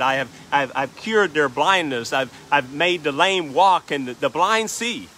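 A man's voice: fairly high pitch, bright, forceful tone, a little hiss or hum. A man preaching as a pastor, reading King James scripture in a rhythmic cadence and adding "right?" asides. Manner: reads scripture aloud in King James wording. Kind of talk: sermon.

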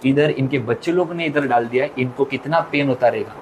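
Guy putting on a proud old lady english teacher, slow and stern, kinda high voice, bit of hiss behind. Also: a bit bright, poor audio. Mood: grave. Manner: slow, deliberate, stern English with Hindi mixed in. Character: proud sharp-tongued old retired woman English teacher.

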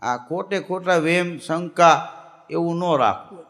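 A man's voice: on the high side, slow pace, fairly bright tone. A man doing stand-up, telling jokes and acting out the characters' lines for a live audience. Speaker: stand-up comedian. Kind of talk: comic storytelling to a live audience. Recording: long hall reverb.

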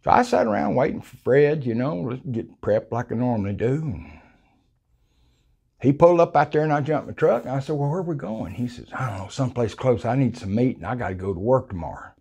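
Animated and fairly quick, his mid-range voice carries vocal fry and sounds a little mellow and husky. The older man, who has a South Texas accent, tells a colorful, folksy hunting story and acts out quoted voices, recorded in a small room on a lapel mic.

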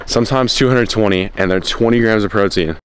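A man's voice: fairly low pitch, brisk, over a noisy crowd. A young man chatting casually on a night walk, rambling, swearing often and ending lines with "bro.". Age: young adult. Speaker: content creator, bodybuilding competitor. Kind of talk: casual chat while walking. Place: outdoors on a suburban street at night.

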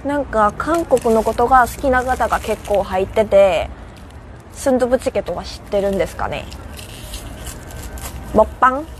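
On a city rooftop, a young Korean woman runs a live stream and chats casually with viewers in Japanese, responding to their comments. Her accent is Korean with a Kansai lilt, and her fairly high voice moves at a moderate pace with frequent pauses over slight background noise.

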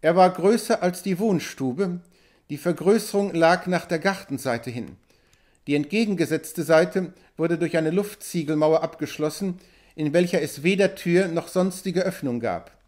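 A man reading an adventure novel aloud as an audiobook narrator, at a steady, even pace. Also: fairly high pitch, a little slow. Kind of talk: scripted narration.

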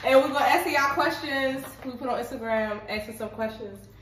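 A woman's voice: high voice, brisk. A woman in her twenties chatting casually with her sisters while eating, laughing and teasing. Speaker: sister and co-host of the channel. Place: kitchen, indoors. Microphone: far camera. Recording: roomy, far from mic, loud noise.

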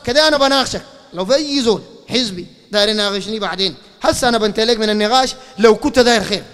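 A man with a Sudanese Arabic accent giving a fiery religious lecture, firing rhetorical questions and breaking into shouts. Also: high-pitched, rapid-fire, clear, resonant tone. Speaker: preacher. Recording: long hall reverb.

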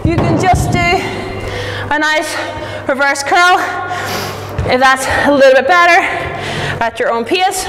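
A young woman coaching a workout as a fitness instructor, encouraging and breathy from exercise. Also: sits high, slow pace, music in the background. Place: large indoor studio with wooden floor. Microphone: distant camera. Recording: echoey hall from far off, noisy.

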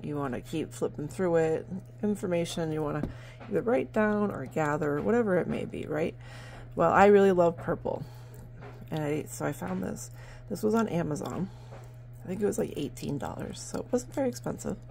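Chatty woman with a gravelly voice. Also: lowish voice, lively intonation, moderate pace, darkish tone, a little hiss or hum. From New Hampshire, USA. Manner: chatty and rambling, with many fillers. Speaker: vlogger and barn sale seller. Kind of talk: casual chat to camera. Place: at home, indoors at a table.

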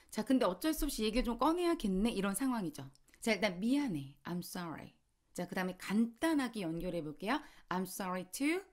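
Lady teaching english, chatty explanations then slow careful repeat-after-me lines. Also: medium pitch. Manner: explains in Korean, reads English lines slowly for repetition. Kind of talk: Korean-language English lesson with drills.

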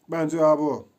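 A young man giving casual, excitable commentary while playing a video game, chatting to his viewers as he goes. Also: fairly high pitch. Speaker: gameplay streamer.

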